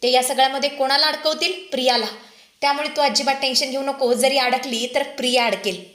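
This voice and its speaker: A woman voicing a scheming middle-aged male villain who calmly reassures his partner. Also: high voice, brisk, reverberant. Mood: reassuring.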